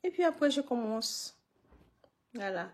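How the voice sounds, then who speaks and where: A woman's voice: on the high side, very animated, unhurried. A woman hosting a casual live stream, greeting viewers one by one, repeating herself and laughing often between lines.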